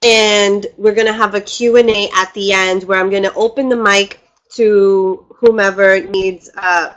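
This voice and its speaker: This webinar host and spiritual teacher has a mid-range, slightly bright voice with fairly even intonation and an unhurried pace. Chatty and bubbly despite a cold-congested voice, she laughs frequently as she greets people in a casual live session over a computer mic on a video call.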